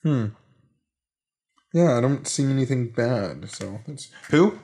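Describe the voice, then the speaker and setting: Man, loud voice, podcast guest, casual chat, wry jokes, animated pitch. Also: takes it slowly. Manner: joking, sarcastic.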